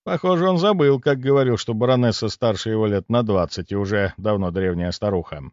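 A man narrating a fantasy audiobook in the first person, expressive and storytelling. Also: fairly low pitch, brisk, no room sound, muffled recording.

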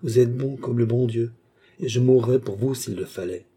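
A man's voice: medium pitch, normal speed, mellow, breathy edge, close to an everyday voice. A man reading a naive young flower girl. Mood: grateful. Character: naive young female flower seller, frightened and grateful.

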